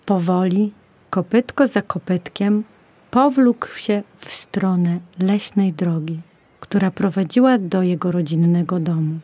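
A woman narrating a children's story in a gentle, measured way. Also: on the low side, no echo.

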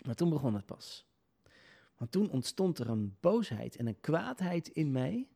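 Hesitant man with a dark voice. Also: a little high, very animated, unhurried, creaky, slightly rough. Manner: hesitant, with many filler sounds and restarts. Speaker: video creator telling a personal story. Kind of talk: personal spoken storytelling.

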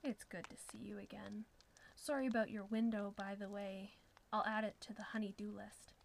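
A woman reading the lines of a cruel, menacing husband in a dark story, with a slow, taunting delivery. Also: mid-range voice, little pitch movement, vocal fry. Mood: mocking.

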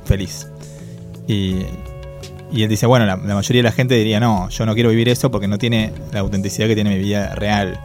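A man's voice: lowish voice, fairly even intonation, brisk, a little mellow, faint music behind. A man with a Rioplatense Spanish accent, chatting casually as co-host and thinking aloud with many fillers. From Argentina. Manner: thoughtful, hesitant with many fillers. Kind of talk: casual conversation.

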